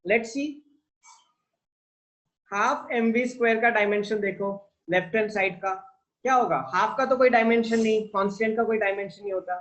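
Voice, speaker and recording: A man's voice: high voice, moderate pace, a bit bright, rough recording. A man with an Indian English accent teaching a physics lesson, asking his class questions and answering them himself while mixing Hindi and English. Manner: mixes Hindi with English sentences. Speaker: physics tutor.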